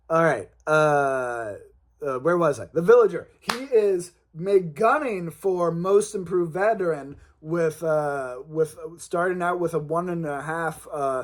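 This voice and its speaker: Slow, rambling high-voiced male streamer. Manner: rambling and loose, full of ums and uhs, joking asides. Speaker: livestream host of a game league roundup. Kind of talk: casual livestream commentary.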